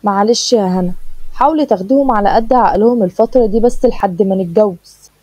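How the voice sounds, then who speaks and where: A woman voicing a gentle, placating young fiancé with an Egyptian accent. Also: medium pitch, quick pace, no echo, close to an everyday voice. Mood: soothing. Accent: Egyptian Arabic. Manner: soothing, dismissive. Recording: dull dry lo-fi recording.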